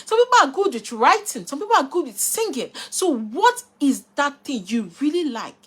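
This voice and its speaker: A woman's voice: high-pitched, big pitch swings, normal speed, a bit bright. A woman giving an emphatic motivational talk, repeating rhetorical questions to her listeners. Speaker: motivational speaker. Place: live online session, replayed.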